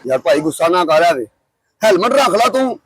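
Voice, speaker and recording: A man's voice: high-pitched, sing-song, fairly quick, fairly bright tone, breathy edge, low-quality recording. A man with a Punjabi accent from Pakistan, doing a street prank, pleading for money, then teasing with insults. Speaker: prank comedian.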